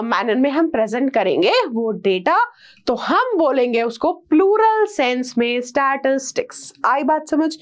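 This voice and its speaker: Indian woman teacher, very high voice, mock-scolds and teases her students. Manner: scolding, teasing, addresses students directly. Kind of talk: online class lecture.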